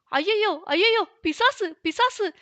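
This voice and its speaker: A woman's voice: very high voice, animated, slow pace, fairly bright tone, no echo, dull audio, voice pushed up, full character voice. A woman voicing a burly male soldier who wails in panic. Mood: terrified wailing. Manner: wailing in panic.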